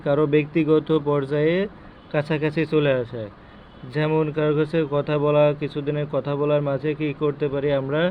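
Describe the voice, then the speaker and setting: A man teaching a lesson, explaining each term of a chart slowly, repeating words and mixing in English. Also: fairly high pitch. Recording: dull lo-fi audio with faint noise.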